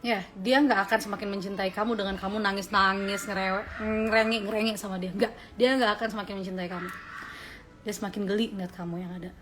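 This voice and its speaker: A woman's voice: medium pitch, steady tone, quick pace, a bit bright, a little hiss or hum. A woman in her twenties talking casually on a livestream, answering viewers' questions with earnest, faith-centred advice. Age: 20s.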